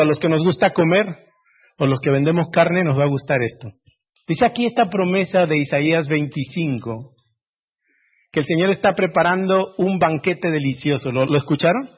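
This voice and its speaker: A man with a high, husky voice preaches a sermon and keeps putting questions to his listeners. He moves between loud, emphatic lines and hushed ones. The recording sounds dull and lo-fi. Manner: asks the congregation direct questions.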